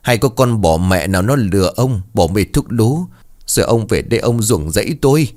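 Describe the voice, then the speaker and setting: A man's voice: low voice, lively intonation, a little fast, darkish tone. A man voicing a domineering middle-aged wife who scolds and wails at her husband. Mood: wailing. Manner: wailing, scolding.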